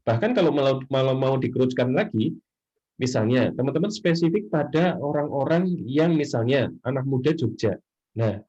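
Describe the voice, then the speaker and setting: A middle-aged man from Indonesia lectures students in a relaxed, chatty way, circling back with fillers. His voice is warm, a little husky and dark. The sound is dull and lo-fi, as from a laptop mic. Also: medium pitch. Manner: chatty, many fillers, often trails off with "nah, seperti itu". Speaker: university lecturer. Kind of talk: casual lecture.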